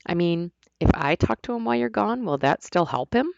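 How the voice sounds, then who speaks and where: A woman reading as a hesitant young woman, low and gravelly. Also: lively intonation, brisk, no echo, lo-fi sound.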